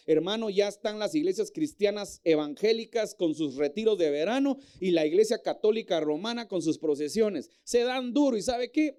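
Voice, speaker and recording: Middle-aged male pastor, high mellow voice, emphatic sermon delivery. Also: smooth. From Guatemala. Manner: emphatic, calls out to the congregation.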